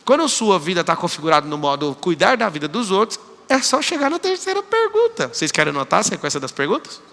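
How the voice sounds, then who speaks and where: A Brazilian man gives a motivational talk to a live audience with commanding energy, and he acts out little exchanges with his students. His voice sits high and has a gravelly edge. It rings out with a long reverb through the large hall. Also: sing-song, fast talker, fairly bright tone. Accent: Brazilian Portuguese. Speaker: motivational speaker.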